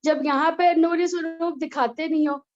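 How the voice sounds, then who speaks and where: A woman with a high voice teases an elder in a casual devotional group chat. The video call sound is dull and muffled. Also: fairly even intonation, normal speed, darkish tone. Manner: playful teasing complaint. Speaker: discussion participant.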